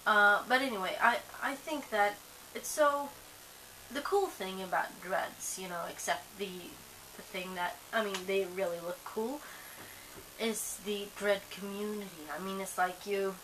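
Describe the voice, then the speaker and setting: A young Swedish-born woman vlogs casually to camera, rambling with plenty of fillers and restarts and sounding a little sleepy. Her mid-range voice is pushed and bright, with a steady tone and measured pace. The rough recording carries a faint hiss.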